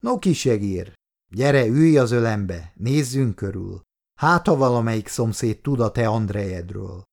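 A man voicing a kind, weary old man in a wheelchair in an audiobook, speaking calmly and gently. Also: lowish voice, vocal fry. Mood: gentle.

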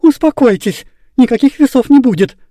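A woman reading aloud voices a strict, dry class mistress who talks in a brisk, fussy way. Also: high voice, expressive, mellow, no room sound, voice pushed up.

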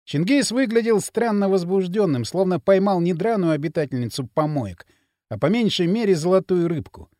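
A man narrating an audiobook in an expressive, dramatic reading. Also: high voice, moderate pace, no echo, studio quality. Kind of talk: scripted narration.

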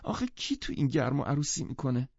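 A male audiobook narrator voicing a cool, languid young woman with a soft drawl, in a dry, muffled recording. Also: medium pitch, lively intonation, no room sound, voice pushed up, close to an everyday voice. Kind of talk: audiobook character voice.

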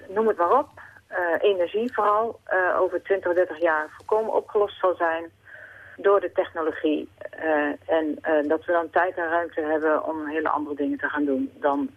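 A woman phoning in to a radio show, talking earnestly with many fillers and restarts. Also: lowish voice. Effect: phone-line caller to a radio show. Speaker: caller. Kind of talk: late-night radio call-in chat. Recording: tinny phone line.

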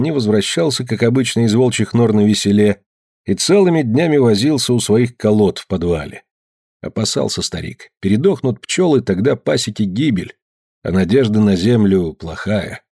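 A man reading a novel aloud in measured scripted narration. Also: fairly low pitch, breathy edge, no echo, studio quality. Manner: measured, even storytelling. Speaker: audiobook reader.

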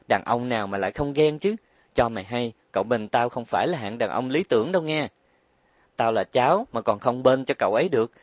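A man's voice: mid-range voice, no echo, natural voice. A man reading an audiobook, voicing a blunt, outspoken young woman who scolds and exclaims.

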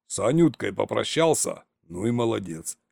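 A man's voice: lowish voice, sing-song, moderate pace, vocal fry, darkish tone, dry recording, studio quality, heavily acted. A man voicing an older uncle who teases the young hero and hesitates before speaking. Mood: teasing. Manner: teasing, hesitant. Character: older uncle, sly grandfather of the hero's girlfriend.

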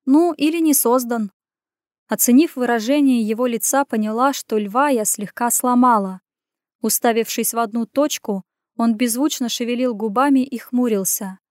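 A woman reading a first-person audiobook as the heroine, with lively dialogue. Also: on the high side, normal speed, no room sound, studio quality. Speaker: audiobook narrator.

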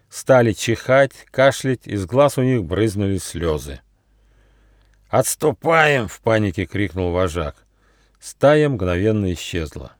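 A man, the author, reading his own children's fairy tale aloud in an expressive storytelling manner. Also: fairly low pitch, no echo, studio quality. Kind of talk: audiobook fairy-tale narration. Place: studio.

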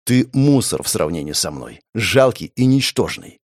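A man's voice: fairly low pitch, very animated, no echo, clean studio sound. A man as a cold, contemptuous young brawler. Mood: cold menace. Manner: slow, contemptuous, menacing. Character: young male commoner student fighter, cold and cruel.

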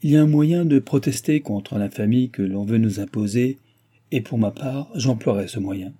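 A man's voice: medium pitch, normal speed, mellow, husky, close to an everyday voice. A man reading an outraged noble duchess. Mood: indignant. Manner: outraged, pleading. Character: proud, indignant noble duchess.

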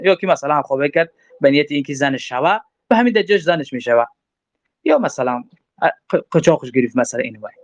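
A man with a voice on the high side gives a religious law lecture on a dull, lo-fi, dry recording with no echo. As a religious teacher, he reads Arabic lines aloud and then explains them through rhetorical questions.

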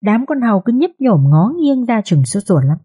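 A woman narrating an audio drama story in a steady, expressive storytelling manner. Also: fairly high pitch, moderate pace, breathy edge.

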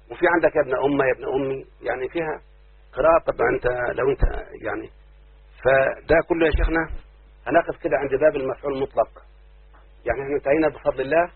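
A man with an Egyptian Arabic accent teaching a grammar lesson as a sheikh, often checking that students follow and slowing down on each example. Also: a little high, slightly rough, no room sound. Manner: keeps checking understanding, slows down to stress examples. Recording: tinny phone-like lesson recording.

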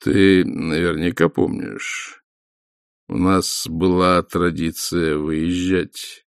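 Death: a man doing a deep, hollow, ancient voice. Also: level tone, extremely slow, smooth, no echo, studio quality, heavily acted. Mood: measured. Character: Death, ancient skeletal male, grave and solemn. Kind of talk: audiobook character voice.

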